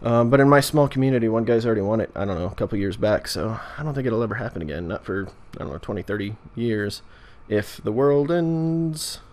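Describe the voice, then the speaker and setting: A man's voice: on the low side, brisk, few pauses, a little mellow. A man with an American accent chatting casually as a video host, rambling in a jokey way and often interrupting himself. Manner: jokey, meandering, self-interrupting. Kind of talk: casual rambling vlog chat.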